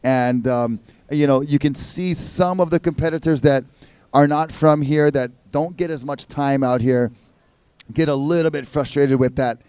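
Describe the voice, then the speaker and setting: A man's voice: on the high side, steady tone, moderate pace, darkish tone, clean tone, dry recording. A man giving live sports commentary as a contest announcer, in a laid-back, casual surfer manner.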